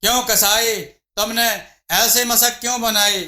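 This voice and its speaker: A man's voice: extremely high pitch, level tone, takes it slowly, bright, forceful tone, exaggerated voice. A man voicing a foolish, bossy king who gives commands, in an echoey room. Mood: interrogating.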